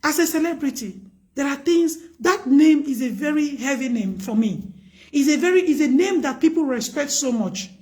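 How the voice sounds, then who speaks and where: On a live stream, a woman with a high, loud voice gives earnest, emphatic advice, restating things to hammer them home. She sounds casual yet preachy, with lively intonation at a normal speed.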